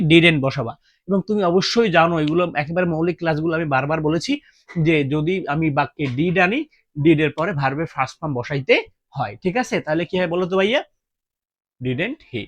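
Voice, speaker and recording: A male teacher runs a spoken grammar lesson at a quick clip, his voice sitting high. He keeps quizzing his listeners with repeated questions and calls them brother in a casual, colloquial way. The sound is dry and close, with no room around it. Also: dry recording. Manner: drills with repeated quiz questions to students. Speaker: English teacher.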